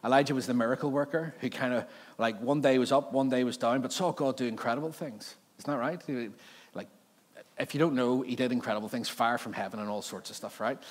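A male preacher with a Belfast accent delivers an informal sermon at a middling pitch. He talks to his listeners conversationally, putting questions to them and often checking they follow with a short tag question. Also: fairly even intonation, brisk. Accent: Northern Irish, Belfast. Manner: conversational, rhetorical questions, frequent "right?" check-ins.

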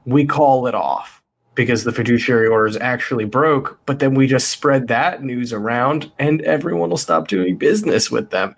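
A man's voice: mid-range voice, vocal fry, fairly bright tone. A man playing his character in a tabletop game, cocky and boastful. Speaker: player.

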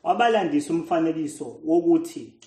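A man's voice: on the high side, lively intonation, fairly quick, dark tone. A man with a Zulu accent reading scripture aloud in short phrases. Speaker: scripture reader. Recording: echoey room.

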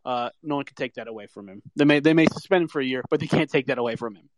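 A man's voice: mid-range voice, racing, no echo. Casual American man, dry close sound. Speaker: co-host of a live sports audio chat. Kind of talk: casual sports talk.

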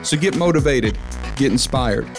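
A man's voice: medium pitch, expressive, moderate pace, faint music behind. A man hosting a podcast, delivering scripted intros in an upbeat, peppy show-host manner.

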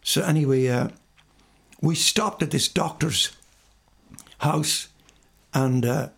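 A man's voice: a little high, slow pace, creaky, a bit bright, breathy edge. An older man from Galway with a west of Ireland accent tells rambling conversational anecdotes in an interview, often quoting what people said to him. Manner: rambling anecdotes with reported dialogue. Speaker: singer and musician being interviewed.

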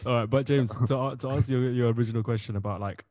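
Chatty British man, mid-pitched. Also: very fast, no echo, clean studio sound. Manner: chatty and animated, says "bro" a lot. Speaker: podcast co-host. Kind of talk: casual group chat.

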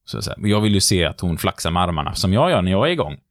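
A man, a lecturer telling lively stories in casual chat and acting out the quotes. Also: deep voice, no echo, studio quality. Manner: lively storyteller who acts out the quotes. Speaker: lecturer on behaviour and body language. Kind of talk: casual podcast chat, storytelling.

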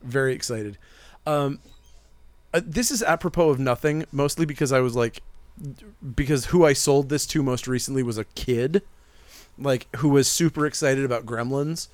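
A man's voice: medium pitch, normal speed, dry recording. A man co-hosting a casual podcast, talking eagerly and rambling about comics and toys, often laughing. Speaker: podcast co-host, comic shop worker. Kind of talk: casual chat.

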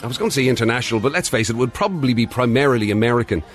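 A man's voice: medium pitch, expressive, rapid-fire, soft background music. A man with an Irish accent hosting a radio show in a casual, conversational, lightly teasing way. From Ireland. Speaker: radio host.

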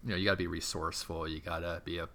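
A middle-aged man telling long anecdotes in an interview, rambling and animated, with many fillers and restarts. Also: low-pitched, racing, slight background noise. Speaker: interview guest, former theme park entertainment manager. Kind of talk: casual storytelling interview.

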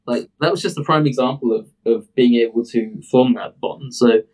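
A man's voice: mid-range voice, normal speed, a little mellow, low-quality recording. Rambling British man talking football. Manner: rambling, hesitant, many fillers. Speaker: podcast co-host. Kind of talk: casual sports chat.

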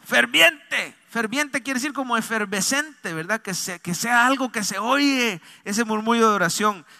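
A pastor preaching a sermon to a church, swinging between loud exhortation and soft asides. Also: male voice, very high-pitched, moderate pace.

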